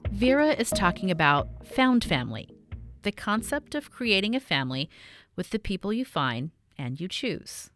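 A woman reporter reading a scripted radio news feature in a measured way. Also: mid-range voice, very animated, fairly bright tone, soft background music. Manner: measured, clearly read voice-over.

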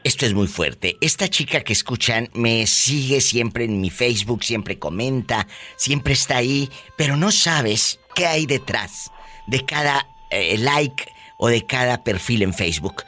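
A man's voice: mid-range voice, expressive, measured pace, sharp tone. A man with a Mexican accent hosting a call-in radio show, theatrical and playful, gasping and exclaiming. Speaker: radio host.

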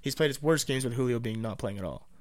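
A man's voice: mid-range voice, quick pace, darkish tone, no room sound. A young man co-hosting a podcast, teasing and joking in casual banter. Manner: joking, teasing, breaks into laughs. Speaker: podcast co-host.

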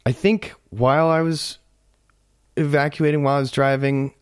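A man co-hosting a podcast, telling a story casually and growing animated and tense as he recounts events, with many restarts. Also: on the high side, moderate pace, clear, resonant tone, dry recording, studio quality. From United States. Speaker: podcast co-host.

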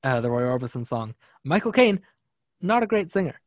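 A man's voice: mid-range voice, big pitch swings, a little fast, dry recording, studio quality. A man guesting on a casual film podcast, talking in an easygoing, thoughtful way with small stumbles.

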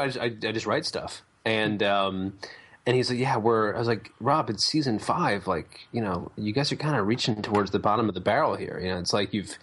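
A man's voice: on the low side, fairly bright tone, husky. A man hosting a casual podcast chat, rambling and sarcastic as he tells stories. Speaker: podcast host.

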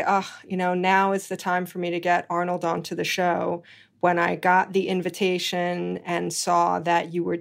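A middle-aged woman from Hawaii hosts a food-industry podcast in a fairly low voice with vocal fry. Full of fillers and restarts, she moves between a conversational interview and a read ad.

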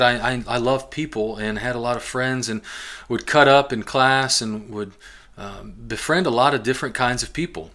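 A man's voice: mid-range voice, bright, forceful tone. A man in his forties hosting a podcast, telling his own story in a rambling monologue full of restarts. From Ohio and Kentucky, US. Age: 40s. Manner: rambling, many restarts and fillers, chuckles often. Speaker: podcast host. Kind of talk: casual personal monologue.

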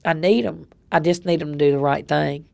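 Southern woman telling her story, kinda gravelly, lowish voice, just talking plain. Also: fairly even intonation, brisk, background noise. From North Carolina. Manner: plain-spoken, conversational. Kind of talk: personal storytelling.

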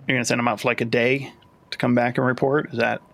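Male game master, gravelly, hesitant delivery, full of restarts. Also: medium pitch, flat delivery, fast, a bit bright, no echo. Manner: hesitant, many fillers and restarts. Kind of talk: narrating a tabletop game.

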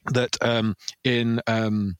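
A man's voice: mid-range voice, flat delivery, very slow, clear, resonant tone, no echo. A man talking casually about ideas as an author guest, thoughtful and hesitant with many fillers and restarts. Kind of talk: casual intellectual conversation.

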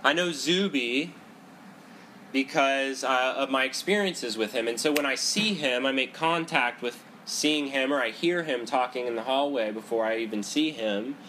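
A man with a head cold gives a Buddhist psychology talk on meditation to a group seated cross-legged in an indoor room. He talks loudly and conversationally in a mid-range voice, often checking in with "right?" and "you know." The recording is rough, with a little hiss or hum.

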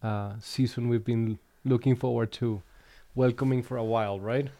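A man from Colombia hosting a relaxed conversation, speaking reflectively with frequent pauses and restarts. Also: mid-range voice, no echo. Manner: reflective, unhurried, with fillers and restarts. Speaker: podcast host. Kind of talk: casual conversation.

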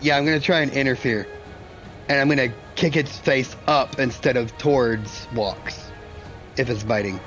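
A man's voice: mid-range voice, moderate pace, a bit bright, faint music behind. A man chatting casually as a player in a tabletop game.

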